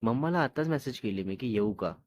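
A man's voice: medium pitch, animated, fast, a little mellow, natural voice. A man reading the lines of a sulky, teasing young woman in a storybook tale, in a pleading, complaining way.

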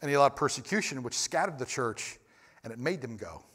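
A man preaching a sermon in a church, moving between quiet, close talk and loud, emphatic bursts, with frequent restarts and repeated words. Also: mid-range voice, animated, fairly quick. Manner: swings from loud emphatic shouts to quiet near-whispers. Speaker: pastor. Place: church sanctuary.

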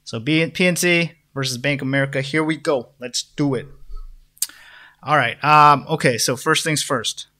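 Young male host, bright tone, loose rambling delivery full of fillers, casual market talk. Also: fairly high pitch, normal speed. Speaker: stock market video host. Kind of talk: casual stock analysis talk.

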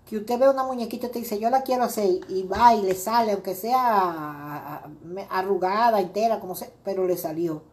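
A woman's voice: medium pitch, moderate pace, hardly any pauses, darkish tone. A middle-aged woman hosting a crafting video, chatting casually and rambling with many fillers as she greets viewers by name. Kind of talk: casual crafting livestream chat.

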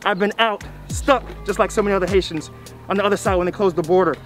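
A man's voice: sits high, fast talker, soft background music. A man in his thirties hosting a vlog to camera through a face mask, emphatic and repeating phrases for effect. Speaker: video series host. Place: outdoors on a tree-lined roadside.

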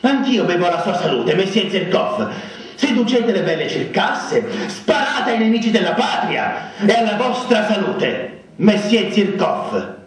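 An actor on stage playing a bitter, humiliated man who swings between low muttering and shrill outbursts. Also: lively intonation, a little fast, darkish tone, lightly acted. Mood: defiant. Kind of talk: theatrical monologue. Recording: echoey hall, distant mic.

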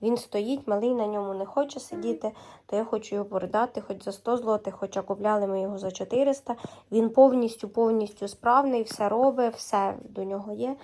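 A woman's voice: mid-range voice, brisk, a little mellow, a little hiss or hum. A young woman vlogging casually as a mother, chatting to the camera and cooing to her baby. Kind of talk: casual daily vlog.

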